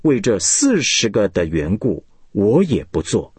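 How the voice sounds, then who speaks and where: God speaks solemnly and with measured weight, as a man reading scripture voices him. The delivery is slow and husky, with a low voice. Its intonation is wide and expressive. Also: no echo, full character voice.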